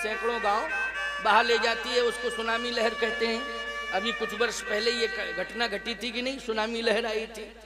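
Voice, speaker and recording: A man preaching a devotional sermon, asking the audience rhetorical questions and chanting scripture verses. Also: high voice. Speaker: spiritual preacher. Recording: music playing behind the voice.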